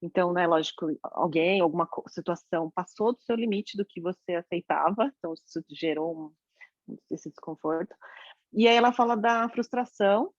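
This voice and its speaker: Woman in a book circle, mid-pitched, hesitant, dull and dry sound. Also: moderate pace, no room sound. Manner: thoughtful, hesitant, many restarts. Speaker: book group member. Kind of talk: casual group discussion.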